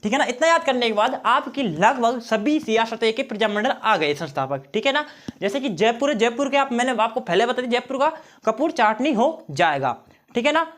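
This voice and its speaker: A man's voice: very high-pitched, fairly bright tone. A male teacher giving an exam-prep lesson on memory tricks, often checking in with his students and repeating key phrases.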